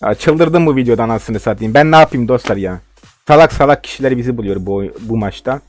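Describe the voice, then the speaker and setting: A man's voice: mid-range voice, fast talker, faint music behind. A young man giving live game commentary, ranting and swearing in frustration at his opponents. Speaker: gaming video host.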